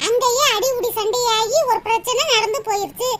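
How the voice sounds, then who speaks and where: A woman's voice: very high-pitched, fairly even intonation, moderate pace, background noise. A woman voicing several quarrelling women in a cartoon comedy. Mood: arguing. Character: quarrelling village women, Vasanthi, Geetha and Rani.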